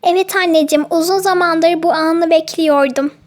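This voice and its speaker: A woman voicing an excited little toy girl who gets upset and pleads in a toy storybook play. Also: very high voice, moderate pace. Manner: pleading, whiny.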